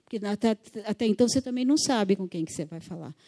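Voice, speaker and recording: Mellow-voiced woman leading a workshop. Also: mid-range voice, animated, quick pace. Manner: acts out phone dialogues with voice shifts; conversational, repeats words for emphasis. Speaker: workshop speaker on fundraising. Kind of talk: lively workshop talk. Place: church workshop audience.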